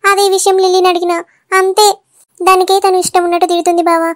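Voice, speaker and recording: A woman voicing a young wife in a cartoon, sharp and easily hurt, with a sulky manner. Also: level tone. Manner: chipmunk-high cartoon voice, rapid and sulky.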